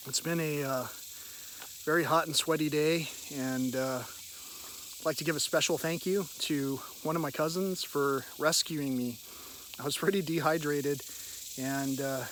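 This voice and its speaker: Higher-voiced man rambling outdoors over insect noise. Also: fairly bright tone, rough recording. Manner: halting, meandering, with throat clearing. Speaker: outdoor vlogger. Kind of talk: rambling, reflective spoken vlog. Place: outdoors in a park by a river. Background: cicadas, birds, hiss and nearby traffic.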